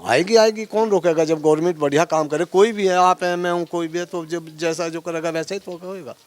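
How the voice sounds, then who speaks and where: A man's voice: on the high side, fairly even intonation, a little fast. A working man from giving plain, emphatic answers to a street reporter. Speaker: laborer interviewee.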